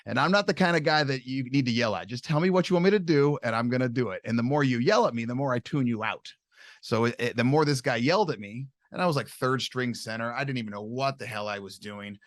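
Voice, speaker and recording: A man in his forties from California, a long snapping coach telling his life story as a podcast guest, quick and animated with some mild swearing. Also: medium pitch, no room sound, studio quality. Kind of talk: casual storytelling interview.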